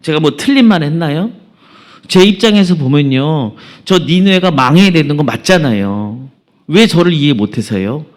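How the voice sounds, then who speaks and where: A man's voice: mid-range voice, lively intonation, normal speed, a little mellow, close to an everyday voice. A man voicing an indignant male prophet who complains with exasperation. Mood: exasperated.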